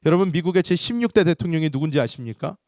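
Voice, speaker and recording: A man, a pastor, preaching a sermon as an expressive storyteller who lifts his voice for emphasis and sinks low at key points. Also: fast talker, dry recording, studio quality.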